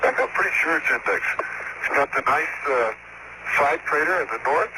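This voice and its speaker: An astronaut driving a lunar rover speaks over a space radio link amid static and noise, mixing clipped technical callouts with casual remarks. His voice is a little high and animated, at a moderate pace.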